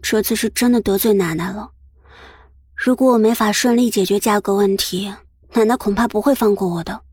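An earnest, worried young woman, as a male narrator puts her on. The voice sits high and a little husky, and the recording is dry. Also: a little fast, dry recording. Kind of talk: audiobook character voice.

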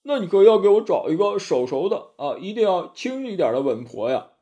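A man's voice: high voice, big pitch swings, a little fast, warm tone, pitched above the performer's own voice. A man voicing a panicky male pig demon in a storybook tale, whiny and anxious. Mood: panicked.

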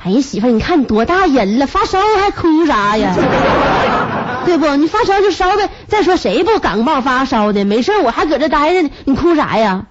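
A woman's voice: high voice, sing-song, moderate pace, a faint crowd, slight background noise, voice pushed up. Woman quoting a coaxing Northeastern husband. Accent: Northeastern Chinese. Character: worried cab-driver husband, middle-aged man. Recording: muffled radio broadcast recording.

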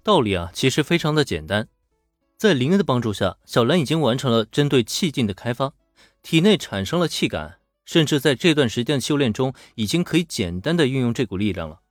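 A man's voice: mid-range voice, fairly quick, no echo, studio quality. A man narrating a serial story in a chatty, colloquial manner. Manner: chatty, animated, colloquial asides. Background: faint background music.

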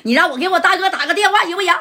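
A woman's voice: fairly high pitch, lively intonation, fairly quick, pushed and bright, a little hiss or hum. A woman voicing a cornered male gangster, first cocky and threatening, then frantically begging. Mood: pleading.

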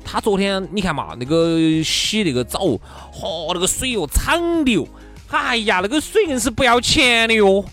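A man's voice: high-pitched, big pitch swings, moderate pace, sharp tone, faint music behind, voice pushed up, exaggerated voice. A man with a Sichuanese accent voicing a nagging, thrifty older in-law, carping and exclaiming in comic mimicry. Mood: scolding. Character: nagging, thrifty older parent-in-law scolding about waste.

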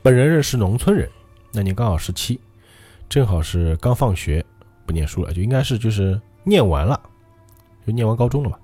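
A lively male podcast co-host with a low, dark voice that swings a lot in pitch. He talks fast with quick, casual reactions, and faint music plays softly behind him. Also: husky, no room sound. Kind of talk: casual chat, reading listener ghost stories.

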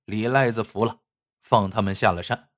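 A man telling a folk tale with a lively storyteller's cadence. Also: lowish voice, normal speed.

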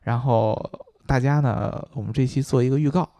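A man's voice: mid-range voice, normal speed, mellow, no room sound. A man co-hosting in casual chat, smacking his lips for emphasis and often repeating words. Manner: frequent lip-smacking for emphasis. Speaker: podcast co-host.

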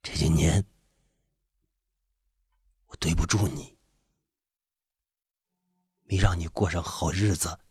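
A man voicing a dying middle-aged man who speaks low, hushed and hoarse, quiet but stubborn. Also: slow, long pauses, no room sound, clean studio sound, heavily acted. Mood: grieving.

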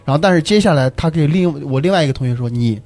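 A man in casual chat, retelling a story in an animated, excited way. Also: fairly high pitch, racing.

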